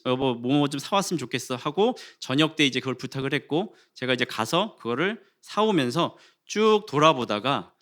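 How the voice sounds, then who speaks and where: A man in his forties preaching a sermon in a church, telling a funny personal story with lively acted-out dialogue. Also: medium pitch. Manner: animated storytelling, acting out quarrels and rising to loud exclamations. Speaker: pastor. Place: church sanctuary.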